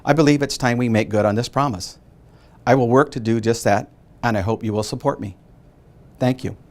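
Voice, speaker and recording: A man running for city council, giving a formal, measured campaign statement. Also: mid-range voice, a little mellow.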